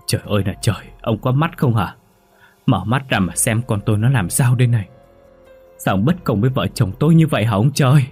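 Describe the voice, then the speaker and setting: A man voicing a gruff village father and pig butcher who scolds and shouts in a horror story. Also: low voice, moderate pace, soft background music. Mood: outraged.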